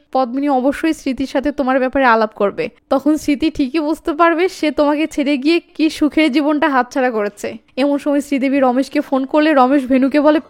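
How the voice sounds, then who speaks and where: A young woman narrating a film recap as a story, reading out each character's lines herself in a lively way. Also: sits high.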